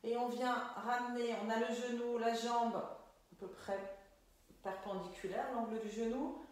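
Calm woman cueing Pilates in an echoey room. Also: fairly high pitch, unhurried. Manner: calm, gentle step-by-step cueing with frequent "ok?". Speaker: Pilates instructor. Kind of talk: guided exercise class.

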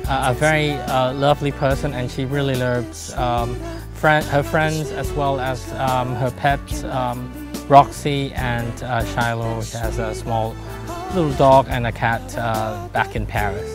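Man, middle-aged, from Thailand, halting with fillers, sit-down interview, music bed. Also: mid-range voice, steady tone. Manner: hesitant, many ums and uhs. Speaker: groom-to-be interviewee. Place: bright sunroom by a garden. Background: soft music.

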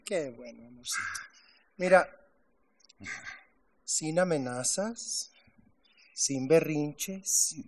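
A man's voice: fairly high pitch, drawn-out words, long pauses, heavily acted. A man playing a flamboyant, jealous middle-aged drag star on a theater stage, campy and sarcastic with swooping indignation. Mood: mock-sweet. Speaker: stage actor in a musical. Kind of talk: live stage musical acting.

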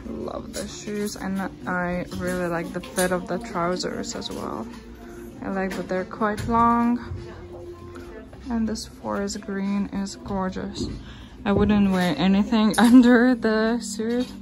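A woman's voice: mid-range voice, takes it slowly. Chatty young woman over background music. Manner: relaxed, chatty, enthusiastic about clothes. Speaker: fashion vlogger. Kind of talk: casual try-on haul narration. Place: store fitting room.

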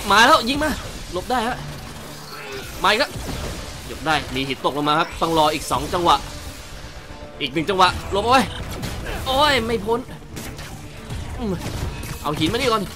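A man giving excited gameplay commentary, calling out his moves as he plays. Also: high voice. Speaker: gamer.

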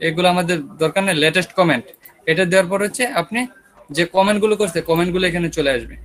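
A man's voice: high voice, racing, fairly bright tone, rough recording. A man with a Bangladeshi Bengali accent teaching an online web design class, talking casually and checking in with his students, his throat a bit sore. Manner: casual, talks students through screen steps with checking questions.

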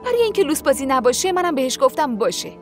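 Brief: high-pitched, reproachful young wife, soft music under the dialogue. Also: female voice, big pitch swings. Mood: defensive. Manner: reproachful, pleading. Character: young wife, frustrated with selfish husband. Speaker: dubbing actor. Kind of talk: dubbed TV drama dialogue.

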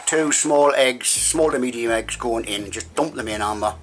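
Jokey middle-aged dad cooking. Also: male voice, mid-range voice, moderate pace, heavy background noise. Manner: jokey, chatty, explaining as he cooks. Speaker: father cooking with his daughter. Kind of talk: casual kitchen chat. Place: home kitchen. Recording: background music under voice.

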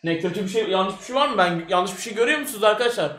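Very high-pitched male host reacting live to a match, excitable, bursts into shouts; echoey room. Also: racing, slight background noise. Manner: excitable, shouts at goals and chances.

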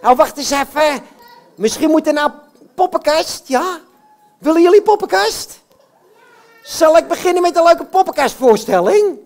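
A woman's voice: medium pitch, a little mellow. A woman voicing a cheeky, boastful male puppet hero in a live children's puppet show, chatting straight to the audience.

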